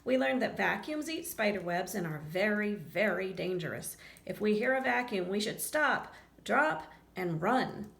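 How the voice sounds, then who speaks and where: In a medium-pitched voice with vocal fry, a woman reads a children's picture book unhurriedly and with few pauses. She brings the lines to life expressively and chats casually to the kids along the way. Faint background noise and a roomy echo are audible.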